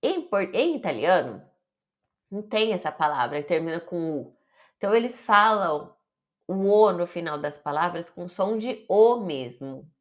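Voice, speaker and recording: A woman's voice: lowish voice, lively intonation, a little slow. A woman with a Brazilian Portuguese accent teaching an online Italian lesson, carefully stretching out her example words.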